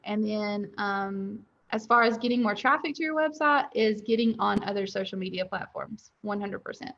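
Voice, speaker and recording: A woman's voice: medium pitch, expressive, moderate pace, gravelly, a bit bright. Chatty young woman on a dull call. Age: young adult. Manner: candid, chatty, laughs easily. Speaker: dental lab owner and guest. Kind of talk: webinar interview.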